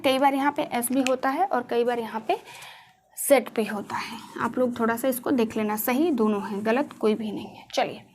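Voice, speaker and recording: A woman with a high voice teaches a class in front of a board. She asks questions often and repeats the key terms for her students. A faint hiss runs under the recording. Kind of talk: classroom lecture.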